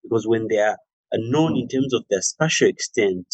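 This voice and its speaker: A man giving a formal, measured submission in an online webinar, with hesitant phrasing. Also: lowish voice, expressive, a little mellow, no room sound. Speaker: workshop participant. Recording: dull, dry online call audio.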